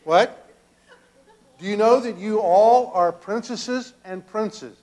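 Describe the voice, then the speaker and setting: An older man, a pastor, gently questioning children during a children's sermon in a church sanctuary. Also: high-pitched, slow. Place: church sanctuary, children seated around him.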